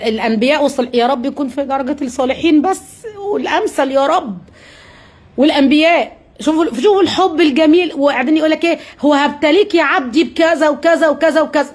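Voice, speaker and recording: Egyptian woman, live religious talk, high voice, quick delivery, rhetorical questions, earnest and coaxing. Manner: asks rhetorical questions and answers them herself; earnest, coaxing, addresses viewers directly. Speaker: religious advice live streamer.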